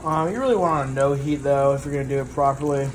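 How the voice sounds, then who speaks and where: A man's voice: medium pitch, quick pace. Drunk young man rambling, noisy kitchen recording. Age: young adult. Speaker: amateur home cook. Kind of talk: casual profane cooking chat. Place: home kitchen, indoors. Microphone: handheld phone. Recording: noisy handheld phone, kitchen clatter. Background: pans and cutlery clattering.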